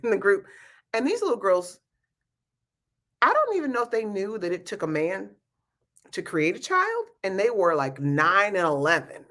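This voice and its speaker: Bright-voiced woman speaking with a retainer in. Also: medium pitch. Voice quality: slightly slurred speech from wearing a retainer. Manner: emphatic, candid, conversational. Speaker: youth peer group leader and speaker. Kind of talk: informal talk to an audience about a program.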